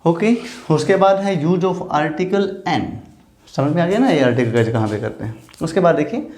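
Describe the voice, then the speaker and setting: A male teacher giving a grammar lesson, explaining in Hindi, reading English example sentences slowly, and asking questions he answers himself. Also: fairly high pitch, expressive, darkish tone. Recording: echoey room.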